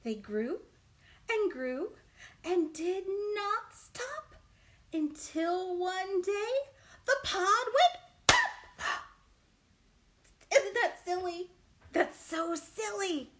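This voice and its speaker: A woman with a very high, somewhat bright voice draws out her words and leaves long, expressive pauses. She's a children's librarian running an animated storytime, reading aloud and chatting in an exaggerated, encouraging way while asking the young listeners questions.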